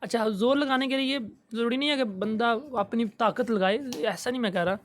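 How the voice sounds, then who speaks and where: A man teaching Quran recitation in a recorded lesson, patiently explaining and slowly drawing out each letter sound. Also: very high-pitched.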